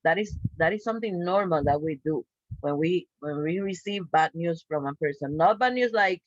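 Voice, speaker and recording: Here a Spanish-native woman gives an online English class at a slow, patient pace, regularly pausing to ask "okay?" Her voice is fairly low and animated. There's no room sound, and the audio is lo-fi.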